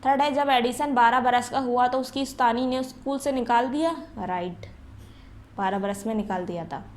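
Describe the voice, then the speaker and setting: Woman teacher, fairly high voice, patient step-by-step explaining, faint hiss behind. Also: moderate pace, darkish tone. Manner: patient, explains step by step and asks the class questions. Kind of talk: classroom lesson.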